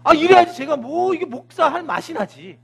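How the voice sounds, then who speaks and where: High-voiced, lively Korean pastor preaching. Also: male voice, normal speed, vocal fry. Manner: vivid storytelling with sound words and acted dialogue. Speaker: senior pastor. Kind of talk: Sunday sermon.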